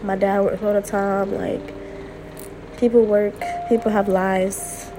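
On her personal podcast, a young woman recovering from a cold vents late into the night, speaking candidly and going over things more than once. Her medium-pitched voice barely moves in pitch, and she takes her time. Background noise can be heard.

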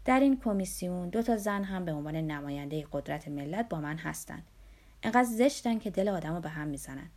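A woman voices a cynical middle-aged male doctor in an audiobook, her lowish voice expressive and darkish in tone. The delivery is dry and lecturing, with sweeping claims.

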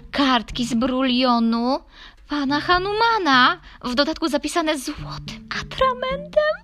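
Woman voicing a curious excitable young girl. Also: fairly high pitch, voice pushed up, exaggerated voice. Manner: exclaiming, wondering aloud.

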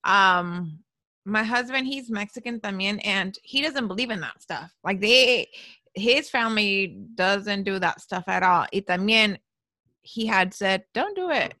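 A woman's voice: mid-range voice, a little slow, pushed and bright, dry recording. A woman speaking frankly in a casual chat, mixing in Spanish words.

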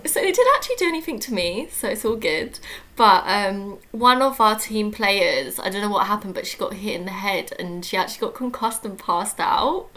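Bright chatty young woman. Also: medium pitch. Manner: chatty, laughs often, many fillers. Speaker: podcast co-host. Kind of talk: casual chat.

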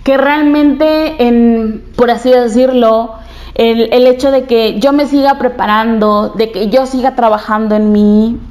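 A woman's voice: a little high, a little mellow. A young woman, telling a personal story candidly and repeating phrases for emphasis.

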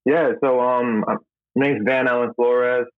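A man's voice: mid-range voice, level tone, a little slow, dry recording. A man in his thirties from the Philippines, a guest telling his story in an easygoing, good-humored way. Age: 30s. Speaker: guest, jiu-jitsu instructor. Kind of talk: casual interview talk. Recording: tinny phone-like line.

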